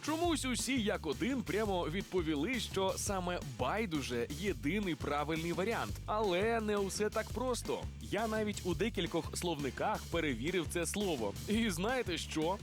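A man working as a TV street reporter, playfully quizzing people in a lively voice-over. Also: high voice, moderate pace, music in the background. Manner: playful, teasing quizmaster.

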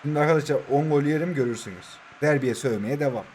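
A mobile football game YouTuber in his twenties gives excited commentary on his own matches, joking, cheering his goals, and talking to his players and viewers. His voice is on the high side and darkish, and he speaks quickly. Slight background noise is present.

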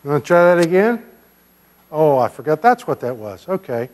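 Older guy pastor doing a kids' sermon, fairly high voice, big echoey church. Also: sing-song, moderate pace. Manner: gentle questioning of children, playful. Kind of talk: children's sermon. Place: large church sanctuary. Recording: long church reverb.

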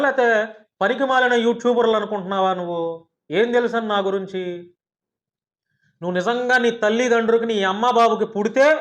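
Combative high-voiced man ranting fast. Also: a bit bright, lo-fi sound. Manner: combative, heated, rapid-fire rhetorical questions. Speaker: journalist and YouTuber. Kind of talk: angry rant at a critic.

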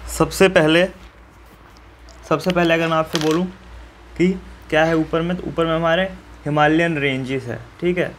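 Friendly male teacher, slightly high voice. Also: steady tone, normal speed, long pauses, fairly bright tone, a little hiss or hum. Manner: friendly, step-by-step, reassuring, asks viewers questions. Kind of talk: map-filling lesson for school students.

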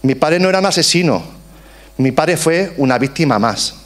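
A man's voice: on the high side, expressive, normal speed. Earnest man reading a testimony. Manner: earnest, emphatic, slogan-like closing. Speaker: speaker giving testimony at a book presentation. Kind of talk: reading a prepared testimony aloud.

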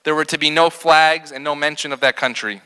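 A middle-aged man, a rabbi, giving a prepared ceremony speech at a podium, telling stories with slowed, emphatic pauses. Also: fairly high pitch, steady tone, sharp tone, clean tone. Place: large hall with balloon decor. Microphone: podium microphone. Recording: long hall reverb.

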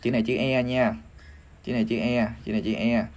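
A man with a Vietnamese accent teaching English pronunciation on a livestream, spelling out sounds one by one and repeating each word slowly. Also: medium pitch, steady tone, a little mellow. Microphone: phone or desk mic on a livestream.

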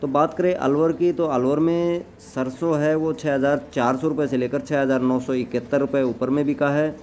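A man's voice: on the high side, steady tone, moderate pace, darkish tone. A man hosting a price update channel, reading a scripted news-style voice-over. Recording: muffled lo-fi audio with background noise.

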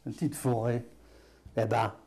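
A man's voice: medium pitch, level tone, a little slow, dark tone, slight background noise. A man with a Picard accent teaching patois words in a folksy, chatty way, full of fillers and chuckles. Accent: Picard (Hainaut). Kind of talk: casual spoken lesson.

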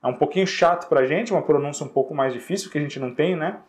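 A man's voice: a little high, darkish tone. Patient man teaching English words. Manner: patient, repeats words slowly and checks with "ok?". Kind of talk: classroom-style lesson.

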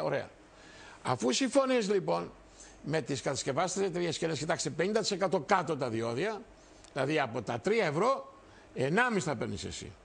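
Older male TV host, 60s, gravelly, fiery, repetitive political speech to camera. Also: a little high. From Greece. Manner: emphatic, repetitive, addresses viewers directly. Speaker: TV show host and party leader. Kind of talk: impassioned political monologue.

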